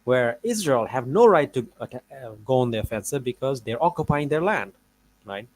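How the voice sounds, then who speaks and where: A man's voice: medium pitch, animated, moderate pace, no echo, low-quality recording. A man reviewing a debate clip in casual reaction commentary, arguing his points in a rambling way. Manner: argumentative, rambling, with fillers.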